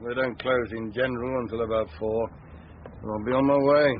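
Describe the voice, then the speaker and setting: Radio drama inspector, played by a man: glum, martyred, dutiful, average pitch, dull sound with faint noise. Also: steady tone, normal speed, close to an everyday voice. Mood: resigned, aggrieved. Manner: resigned, faintly aggrieved. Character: glum, hard done-by male district police inspector, thorough. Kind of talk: BBC radio drama acting. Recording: muffled, noisy old radio broadcast.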